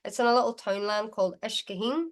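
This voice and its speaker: A woman's voice: medium pitch, fast talker. Chatty woman with a Derry accent. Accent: Derry, Northern Irish. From Derry, Northern Ireland. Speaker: guest musician. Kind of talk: casual chatty storytelling.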